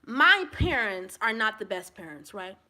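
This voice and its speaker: A woman venting to camera in a profane monologue, angry and repetitive, swinging between shouting and low, subdued talk. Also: very animated, measured pace. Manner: angry, profane ranting with repeated phrases. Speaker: vlogger.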